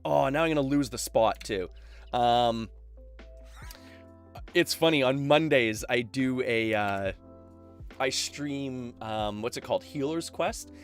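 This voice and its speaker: A man from Canada chatting casually on his game stream, rambling with plenty of "um" and "like". He talks into a headset at an ordinary middle pitch. Faint music plays behind him. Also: slow, long pauses, clean tone. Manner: chatty, lots of fillers and laughs. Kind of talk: casual live-stream chat.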